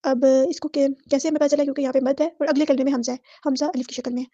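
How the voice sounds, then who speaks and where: A woman teaching Quran recitation rules. She explains each rule briskly in a methodical way, then recites the words slowly and draws out the vowels. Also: high voice, level tone, mellow, dry recording. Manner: methodical, repeating set phrases for every letter. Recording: dull lo-fi dry audio.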